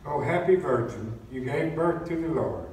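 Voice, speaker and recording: Lector, male, mid-pitched, measured formal reading; cathedral echo, heard from across the church. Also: animated, a little mellow. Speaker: lector and cantor. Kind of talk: liturgical reading and chanted psalm. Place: large church. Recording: echoey church, distant mic, faint noise.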